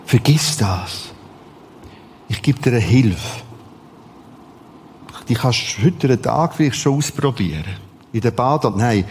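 A man preaching a sermon in a lively, conversational way, with sudden emphatic outbursts. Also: mid-range voice, big-room sound, slight background noise.

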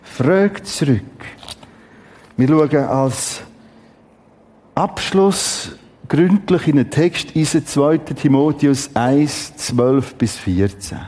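Husky preacher, slow and emphatic. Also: male voice, fairly high pitch, animated, warm tone. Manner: emphatic, dramatic, exclamations and long pauses. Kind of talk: Bible teaching sermon.

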